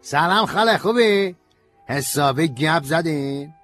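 A man playing a cheerful, crude, energetic young man in an audiobook, brash and slangy in his delivery. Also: a little high, soft background music. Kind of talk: audiobook character reading.

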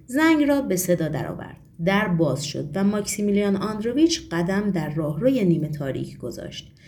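Woman audiobook narrator, animated pitch, mellow timbre. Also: slight background noise. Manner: expressive storytelling.

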